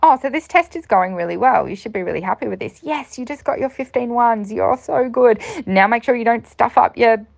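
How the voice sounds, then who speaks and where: A woman voicing a chirpy, fussy inner commentator who coaches in a high sing-song. The tone rides noticeably above her usual low pitch with a gravelly edge. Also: brisk, hardly any pauses.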